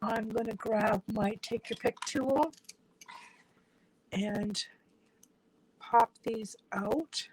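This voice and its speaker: A slightly high yet darkish and husky voice, extremely slow with frequent pauses, comes through a low-quality recording. It belongs to an independent stamping demonstrator who is losing her voice, chatting to viewers step by step as she works with her hands at a craft table.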